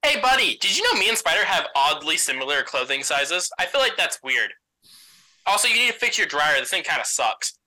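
A bubbly, pushy young friend, played by a man, chattering with a bright, sharp tone. His voice sits high for a man and leaps around in lively swings. He rattles on cheerfully in a tabletop role-play. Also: fairly quick, full character voice, rough recording. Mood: chipper.

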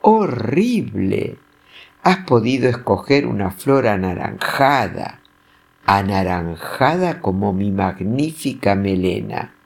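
A man's voice: lowish voice, very animated, takes it slowly, vocal fry, heavily acted. A man voicing a vain, hot-tempered lion who boasts and roars in a storybook reading. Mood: boastful. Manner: boastful, roaring. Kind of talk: storybook voice acting.

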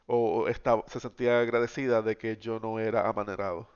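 A man's voice: on the low side, flat delivery, a little fast, a little mellow, clear, resonant tone. A man, co-hosting a casual podcast chat, thoughtful and mixing in English words. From Puerto Rico. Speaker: podcast co-host. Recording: dull lo-fi recording.

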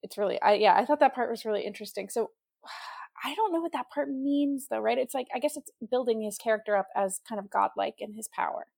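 A woman with a gravelly, creaky voice hosts a relaxed podcast conversation. She asks questions eagerly and often restarts her sentences. Her voice sits close and dry on the mic. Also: a little high, a little fast, no room sound. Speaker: podcast host.

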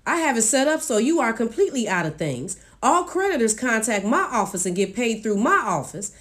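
A woman reading the part of a cool, evasive man who speaks abruptly and in a monotone. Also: fairly high pitch, a little fast. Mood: brusque.

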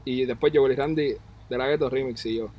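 A man's voice: medium pitch, steady tone, a little fast, dark tone, rough recording. A young man with a Puerto Rican accent, co-hosting a casual podcast chat, slangy and joking, stretching his words. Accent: Puerto Rican Spanish. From Puerto Rico. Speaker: podcast co-host. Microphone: remote call mic.

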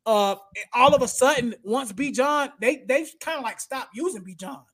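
A man's voice: very high voice, normal speed, a bit bright. A man hosting a casual sports talk show, blunt and opinionated, who often says "bro" and "y'all". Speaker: podcast host.

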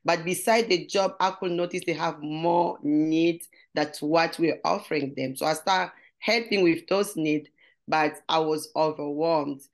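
Speaking slightly slowly in a low, steady voice, a woman whose first language is French and who has a Congolese French accent is a guest in an interview. She comes across as earnest, often searching for the right English words.

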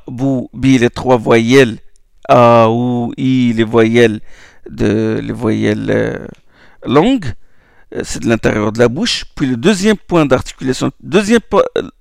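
A man teaching pronunciation in a slow, patient spoken lesson, repeating each sound for listeners to copy. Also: medium pitch, vocal fry, dry recording, studio quality. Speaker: Quran recitation teacher.

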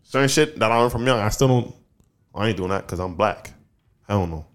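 A man in his twenties co-hosting a podcast, talking loosely and laughing often, rising high when he jokes. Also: brisk. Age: 20s. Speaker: podcast co-host. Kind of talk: casual chat.

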